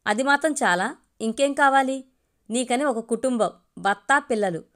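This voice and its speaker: A woman's voice: high-pitched, moderate pace, a bit bright. A woman voicing a grown daughter who speaks firmly and earnestly in a storybook reading. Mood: defiant. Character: grown daughter, calm, firm, self-reliant.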